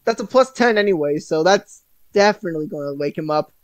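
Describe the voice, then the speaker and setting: A man's voice: a little high, lively intonation, a little fast, no echo. A man playing in a tabletop game, talking in a hesitant way with chuckles and frequent restarts. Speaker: player. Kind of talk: in-character tabletop play.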